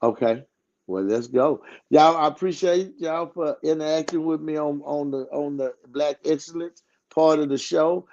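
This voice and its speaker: A man co-hosting a podcast, talking to the audience in an animated, emphatic way and egging on his co-hosts. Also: a little high, moderate pace, vocal fry, lo-fi sound. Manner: animated, emphatic, hypes up the others. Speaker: podcast co-host. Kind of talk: casual podcast chat.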